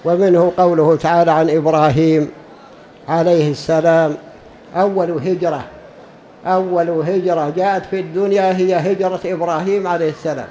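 A man's voice: on the high side, level tone, brisk, dark tone, slight background noise, rough recording. A man preaching a religious lesson to a gathering, emphatic and repeating key phrases for stress. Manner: drawls words out when demonstrating pronunciation.

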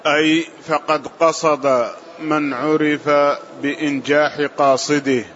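Male reader in a lesson, slightly high voice, formal even recitation, dull lo-fi audio. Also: slow. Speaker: student reading the text aloud. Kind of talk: reading a classical text aloud in a lesson. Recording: muffled lo-fi audio with faint hiss.

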